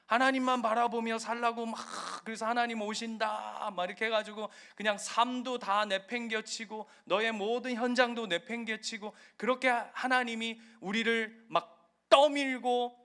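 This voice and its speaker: A male pastor preaches a sermon in a church with a high, bright voice. He talks in an animated way and acts out the scenes he describes. The tone stays forceful and clear throughout.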